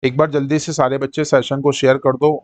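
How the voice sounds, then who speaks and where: A man teaching a live-streamed maths lesson, drilling fractions and percentages in quick call-and-response and checking that his students follow. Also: medium pitch, little pitch movement, a little mellow, no echo. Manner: coaxing, repeats "ठीक है" to check students follow.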